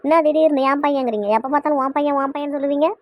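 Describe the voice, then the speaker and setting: A woman voicing a bossy, quick-tempered mother in a cartoon, scolding nonstop, with a Kanyakumari Tamil accent. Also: high voice, fairly even intonation, no room sound, muffled recording, natural voice. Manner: scolding, rapid-fire.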